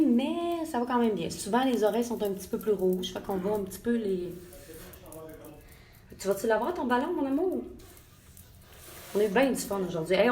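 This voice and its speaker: A Québécois woman with a slightly high voice hosts a live makeup tutorial. She is chatty and warmly greets her viewers by name. She is recording from a hotel room. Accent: Québécois French. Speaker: makeup artist.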